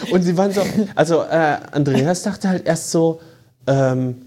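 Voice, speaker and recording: Hesitant podcast host with a mellow voice. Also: mid-range voice, unhurried. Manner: hesitant, many fillers, restarts sentences. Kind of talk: casual conversation. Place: recorded in Stockholm.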